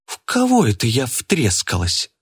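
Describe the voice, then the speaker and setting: A man's voice: normal speed, no room sound, studio quality, close to an everyday voice. A man voicing a hot-tempered young woman who snaps and shrieks when offended. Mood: indignant. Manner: shrill outbursts.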